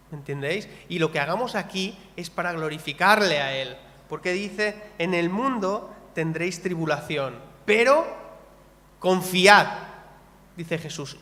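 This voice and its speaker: A man's voice: on the high side, sharp tone. A man, preaching a conversational sermon and ending in prayer. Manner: conversational, telling a personal story, ending in prayer. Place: church hall. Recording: long hall reverb.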